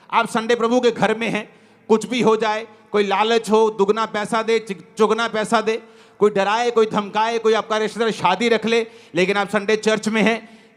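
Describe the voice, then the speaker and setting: Man, pastor, sermon, high voice, mixes in English words. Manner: preaching Bible stories, mixing in English words.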